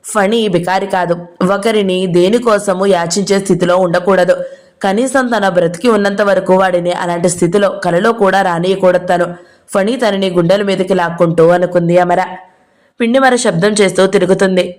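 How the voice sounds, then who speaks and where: A woman reading a novel aloud as an audio book narrator. Her telling is steady and even, at a middle pitch. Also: normal speed.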